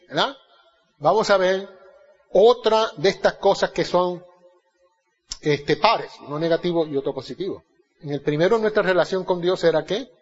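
A man preaching a Bible study sermon. He questions the congregation and answers himself, and his voice swings from loud emphasis to soft, low asides. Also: slightly rough, in a large hall. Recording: slightly muffled lo-fi recording.

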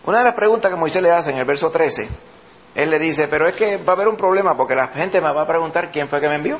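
A man's voice: fairly high pitch, lively intonation, fast. A man preaching a Bible study sermon in a conversational teaching manner, often checking in with his listeners. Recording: dull lo-fi with faint noise.

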